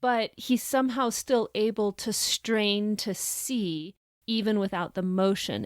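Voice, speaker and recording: A woman's voice: mid-range voice, dry recording, clean studio sound. A woman co-hosting a podcast, talking through a short story in a thoughtful, casual way and reading quotes aloud. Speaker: podcast co-host. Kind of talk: casual book discussion.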